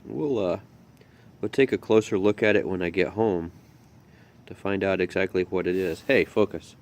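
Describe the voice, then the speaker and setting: A man's voice: deep voice, normal speed, a little mellow. A man vlogging his metal detecting finds, chatting casually and thinking aloud as he digs outdoors in a muddy field. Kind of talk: casual outdoor narration while digging.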